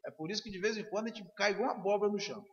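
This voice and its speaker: A man's voice: high voice, racing. A man preaching a sermon to his congregation, dramatically acting out quoted dialogue and often asking for agreement. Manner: dramatic storytelling, acting out quoted dialogue with big swings in loudness; asks the congregation for agreement with frequent "né?". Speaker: pastor. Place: church sanctuary. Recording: muffled recording in an echoey hall.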